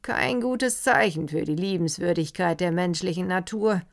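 A woman's voice: fairly low pitch, animated, moderate pace, vocal fry. A woman reading an audiobook, voicing a composed, ironic count who tells a story.

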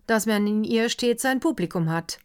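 A woman's voice: a little high, moderate pace, clean tone, voice pushed up, natural voice. A woman doing a dry, distracted nobleman. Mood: offhand. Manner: dry, offhand. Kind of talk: audiobook reading.

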